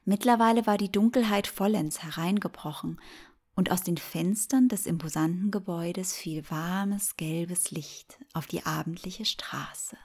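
A woman narrating a bedtime sleep story in a calm, soothing, gentle and unhurried way. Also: lowish voice.

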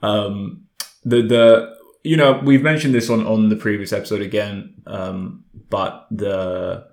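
A man's voice: lowish voice, fairly even intonation, takes it slowly, a little mellow. A man hosting a casual history discussion, thinking aloud as he goes. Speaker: podcast host. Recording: echoey room.

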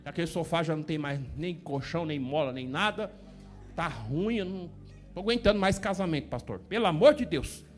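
A worn-out married man pours out a whiny, pleading complaint to his pastor, as a Brazilian-accented preacher puts him on. The voice sits lower and quieter than the preacher's own. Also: animated, a little fast, faint music behind, lightly acted. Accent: Brazilian Portuguese.

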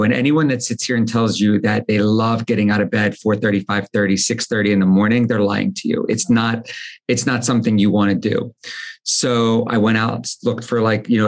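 Male guest, 40s, gravelly texture, earnest storyteller who stumbles and repeats at sentence starts. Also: on the low side. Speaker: guest, company founder. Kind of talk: casual storytelling conversation.

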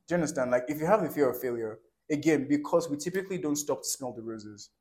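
This podcast co-host has a somewhat high, expressive, slightly mellow voice and a quick pace. He rambles earnestly through a casual conversation, frequently checking in with "do you understand."

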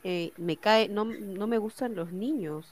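A woman's voice: mid-range voice, a little slow, a little mellow. A woman hosting a casual chat, speaking earnestly and explaining points.

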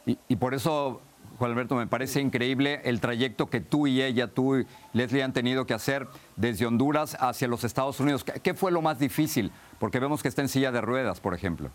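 A man hosting a news podcast, interviewing a guest in a slow, deliberate, emphatic way. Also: medium pitch.

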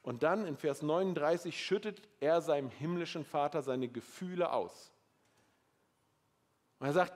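Passionate high-voiced male preacher. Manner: passionate, shifts between quiet intensity and loud emotional appeals. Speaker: pastor. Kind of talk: sermon.

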